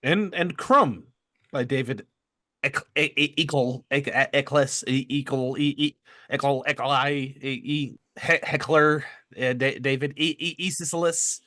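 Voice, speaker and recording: A man's voice: medium pitch, measured pace, bright, forceful tone, no room sound, clean studio sound. Jokey man on a cartoon podcast. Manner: jokey, stumbles over names. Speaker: podcast co-host. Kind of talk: casual chat. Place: studio.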